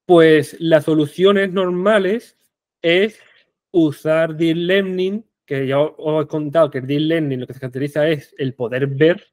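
A young man with a strong Andalusian Spanish accent gives an animated online conference talk, throwing out rhetorical questions and often restarting sentences. His voice is fairly high, captured on a headset mic in a small room with clean, studio-quality sound and no echo.

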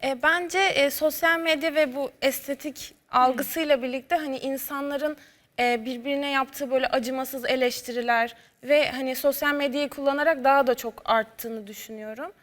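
A woman in her twenties, a studio guest answering in a measured way with frequent hesitations. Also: high voice, steady tone, fairly bright tone. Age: 20s. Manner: measured, with many filler hesitations. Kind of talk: interview answers. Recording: long studio reverb.

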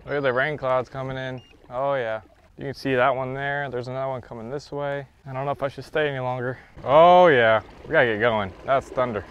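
Recorded by an action camera on his kayak, a young fishing vlogger narrates casually on an open lake, chatting to himself and the fish with occasional laughs. His mid-range voice is steady, fairly quick, clear and resonant, with no room sound but dull audio.

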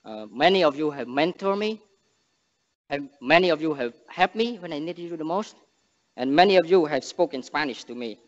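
A young man with a Cambodian accent preaches in earnest, halting English, often restarting his phrases and then rising hard on key words. His voice sits high for a man. It rings through a big sanctuary with a long reverb and comes across muffled. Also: expressive. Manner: earnest, halting non-native English with restarts and emphatic rises. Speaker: missionary speaker. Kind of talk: sermon with prayer. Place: large church sanctuary stage. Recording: long church reverb, dull sound.

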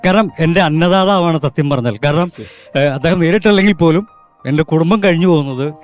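Male guest, quick and earnest storyteller. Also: fairly high pitch, faint music behind. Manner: earnest, fast, anecdotal with fillers. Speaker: mimicry artist guest. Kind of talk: casual chat on a stage show.

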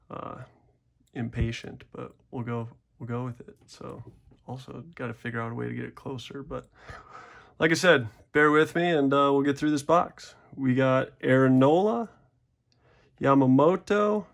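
This young man's mid-range voice carries vocal fry as he hosts a casual pack-opening video from an indoor desk. His commentary on the cards rambles along, laced with self-deprecating humor.

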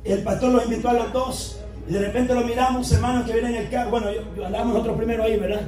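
High-pitched preaching man in an echoey hall. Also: steady tone, racing. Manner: impassioned preaching, swinging from soft to shouting, addressing listeners as brothers. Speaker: pastor. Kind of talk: sermon. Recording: echoey room from a distance with music. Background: music.

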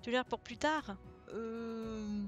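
A woman streamer reading a storybook aloud and chatting casually with viewers, relaxed and thinking aloud with many fillers. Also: a little high, slow pace. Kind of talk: casual live-stream chat and read-aloud. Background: faint background music.

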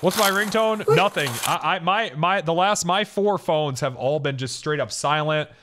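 A man's voice: on the high side, normal speed, background noise. An American man doing casual, joking, profane live reaction commentary as a streamer. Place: indoor home streaming room.

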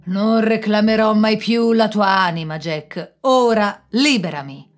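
A woman voicing a proud, menacing male devil who booms his threats in a storybook tale. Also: unhurried, soft background music, natural voice. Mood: threatening.

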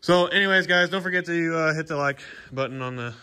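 A man's voice: a little high, a little fast, sharp tone, no echo. A man giving a casual, rambling review of his skid steer from inside its small cab, talking bluntly about what he dislikes.

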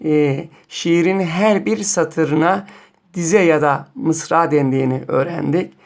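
A man teaching a primary school lesson on poetry, reading poems slowly and quizzing pupils by name. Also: a little high, creaky. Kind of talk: classroom lesson.

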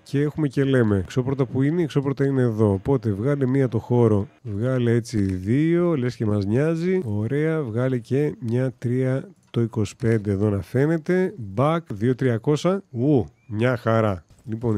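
A man's voice: mid-range voice, animated, warm tone, no echo. A man giving casual let's-play commentary in a joking, sarcastic way with mild swearing. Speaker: gaming commentator.

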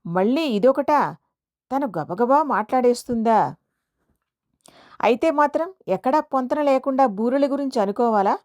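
A woman's voice: sits high, lively intonation, normal speed, long pauses, a little mellow, dry recording, studio quality. A woman voicing an irritated young wife who fires off exasperated questions in an audio story. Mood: indignant. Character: irritated young wife, quick and sharp-tongued.

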